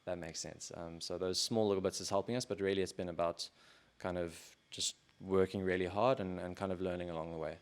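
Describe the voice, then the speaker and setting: A man speaking as a podcast guest in a casual interview, measured and hedging with many filler phrases. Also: low-pitched, fairly even intonation. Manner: measured, hedging with "sort of" and "kind of".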